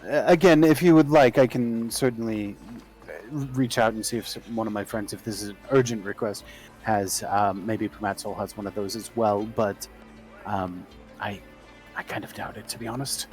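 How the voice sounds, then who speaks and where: A man improvising as game master and shopkeeper in a tabletop role-playing game, speaking in a hesitant, halting way. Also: lowish voice, fairly even intonation, darkish tone, soft background music, low-quality recording.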